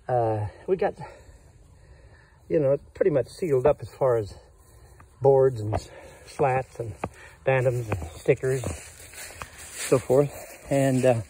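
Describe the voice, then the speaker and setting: Out in the woods, an older man gives a casual, rambling walkthrough of his cabin, folksy and heavy on fillers, shot on a handheld phone. His medium-pitched voice has a warm tone, and the low-quality recording carries a little hiss or hum.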